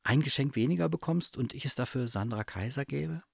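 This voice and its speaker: A man voicing a fussy, caring middle-aged mother in a storybook reading, high and excitable. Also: a little fast, gravelly, breathy edge, no echo, studio quality. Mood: tender.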